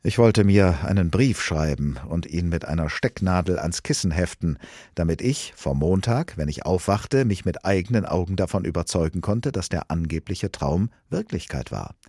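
Brief: male storyteller, very low and husky voice, dry studio. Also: normal speed, dry recording. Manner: expressive, earnest. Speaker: narrator. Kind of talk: dramatic audiobook reading. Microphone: close studio mic.

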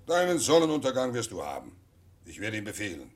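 An actor playing a pompous, lonely old king in a children's audio drama, with an imperious, drawn-out, husky delivery. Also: fairly low pitch, huge pitch swings. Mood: lecturing, self-important. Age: older.

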